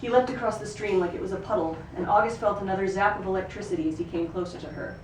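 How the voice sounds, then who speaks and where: At a live reading in a spacious venue, a woman reads a novel excerpt aloud, telling the third-person story expressively, fast and with the odd stumble. Her voice is mid-range, and the distant mic picks up roomy sound and noisy surroundings.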